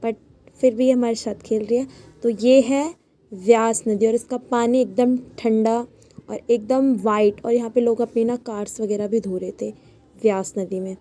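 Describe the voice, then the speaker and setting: A young woman talks through a family road trip in a chatty vlog voice that is a little high and mellow. She keeps coming back to the same easy phrases, narrating stop after stop for her viewers. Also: steady tone, normal speed, faint music behind. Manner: chatty, repeats phrases like "so finally". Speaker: vlogger. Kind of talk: casual travel vlog narration.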